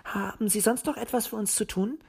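A woman's voice: medium pitch, brisk, creaky, a little mellow, slightly rough, voice pushed up. A woman voicing a touchy, huffy young male owl. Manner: prickly, huffy.

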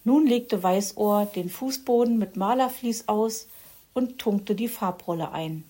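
A woman reads a children's story at an unhurried pace. Her narration is calm and measured, with a mid-range voice. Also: mid-range voice.

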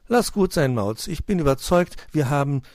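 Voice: mid-range voice, animated, moderate pace, darkish tone, no room sound, clean studio sound, voice pushed up, close to an everyday voice. A man voicing a cheerful rabbit who teases his friends. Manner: cheerful, teasing.

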